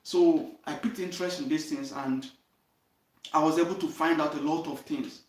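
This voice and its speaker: A man's voice: on the high side, steady tone, moderate pace, darkish tone. Earnest Nigerian man in an echoey room. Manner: earnest, repeats "you understand?" and "okay?". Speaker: channel host. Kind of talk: direct-to-camera life story talk. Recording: roomy echo, voice from a distance.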